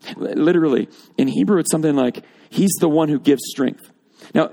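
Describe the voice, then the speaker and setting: Gravelly-voiced man preaching a sermon. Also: fairly high pitch, a little mellow. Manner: expository preaching, rising emphasis on repeated phrases. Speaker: pastor. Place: church or auditorium with congregation.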